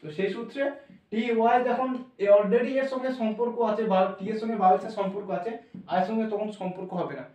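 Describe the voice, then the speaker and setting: High-voiced man teaching, echoey room. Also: fairly even intonation, fast talker, warm tone, distant mic. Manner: spells words out letter by letter, repeats and self-corrects. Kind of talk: classroom lesson explaining English pronunciation.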